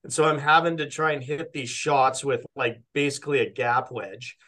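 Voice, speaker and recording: A young man from Canada, a podcast guest, telling a rambling, animated story in casual chat and often quoting himself. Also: medium pitch, moderate pace. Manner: rambling, animated retelling with quoted self-talk and frequent "like".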